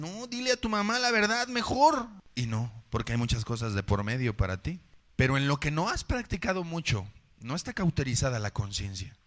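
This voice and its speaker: Bright-voiced Mexican preacher. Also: male voice, mid-range voice. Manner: dramatic, with rhetorical questions; speaks straight to the congregation. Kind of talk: sermon.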